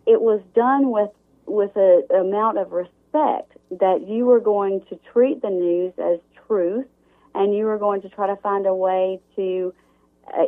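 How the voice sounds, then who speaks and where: A woman who hosts a morning radio show, a guest on a talk show, speaking emphatically in long run-on sentences. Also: medium pitch. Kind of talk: talk show interview over the phone. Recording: tinny phone line.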